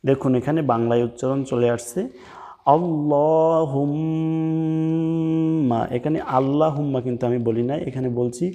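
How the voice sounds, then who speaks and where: A man with a Bangladeshi Bengali accent giving a pronunciation lesson, explaining slowly and drawing out chanted words. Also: medium pitch, fairly even intonation, dark tone, in a large hall, dull audio. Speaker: Quran recitation teacher. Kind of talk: pronunciation lesson with slow drawn-out recitation.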